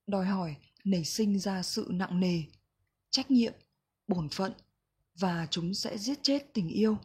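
A woman reading a reflective book passage aloud in a slow, gentle, measured way. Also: mid-range voice, slightly rough. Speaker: book reader.

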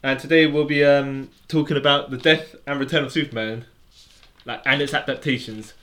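A man's voice: medium pitch, steady tone, moderate pace, bright, forceful tone. A man co-hosting a podcast, explaining at length in casual chat with lots of restarts and fillers. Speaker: podcast co-host.

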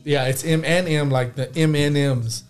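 A man's voice: fairly high pitch, steady tone, moderate pace, soft background music. Laid-back man hosting a podcast. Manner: loose, filler-heavy, laughs often. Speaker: podcast host. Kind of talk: casual podcast chat.

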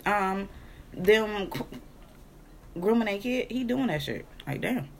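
Lively woman, blunt chatter. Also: medium pitch, slow pace, gravelly, slight background noise. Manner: chatty and blunt, swearing casually. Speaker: podcast co-host. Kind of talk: casual chat.

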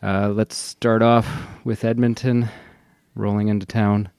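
A man's voice: lowish voice, flat delivery, a little slow, darkish tone, smooth, no room sound, studio quality. A man co-hosting a sports podcast in casual hockey chat.

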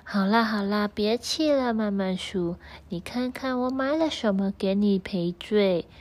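A woman's voice: medium pitch, measured pace, a little mellow, natural voice. A woman voicing a sly, mischievous cat in a children's storybook, teasing and coaxing.

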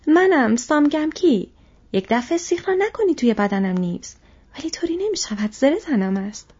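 A woman's voice: sits high, darkish tone, pitched above the performer's own voice, natural voice. A woman reading the part of a loyal, brave young male hobbit in an audiobook, in an earnest, eager voice. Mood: urgent. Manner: eager, raised urgent calls. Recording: dull lo-fi audio.

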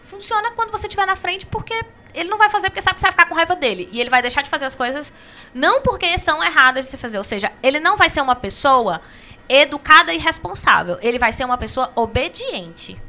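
A woman's voice: high-pitched, big pitch swings, fast talker, pushed and bright, faint music behind. A woman co-hosting a live-stream discussion, explaining her points emphatically and repeating them for weight. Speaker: co-host.

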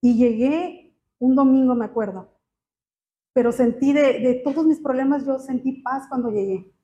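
A woman's voice: high-pitched, warm tone. Muffled woman giving testimony. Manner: emotional, halting, many fillers. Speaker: church member giving testimony. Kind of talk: personal testimony interview. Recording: muffled, slightly noisy.

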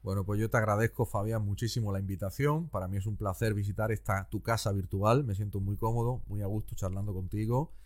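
A man, a guest teacher explaining things calmly and patiently in conversation. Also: lowish voice, fast, hardly any pauses. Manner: calm, didactic, explains patiently.

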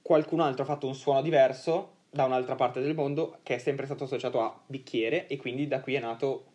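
Young female podcast co-host, extremely low pitch, blunt, emphatic, casual explainer among friends. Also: steady tone, a little fast, darkish tone, muffled recording. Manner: blunt, foul-mouthed, emphatic.

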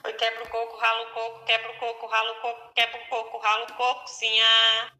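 A woman voicing a gentle, sleepy young teacher who sings softly and flatly, heard from off the mic in an echoey room. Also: fairly high pitch, a little fast.

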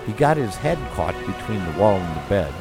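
A man narrating a spooky childhood story in a measured, suspenseful way. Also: sits low, sing-song, music in the background.

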